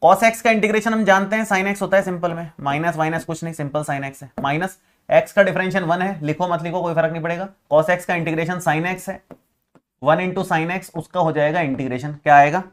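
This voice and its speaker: In this classroom math lecture, the male teacher speaks a little high with fairly even intonation. He is chatty and reassuring, pokes fun at his students, and slowly repeats each step.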